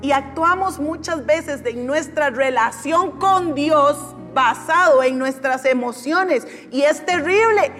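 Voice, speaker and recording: High-voiced woman preaching in a reverberant hall. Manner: lively, acts out quoted voices of churchgoers. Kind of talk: sermon. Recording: long hall reverb with faint music.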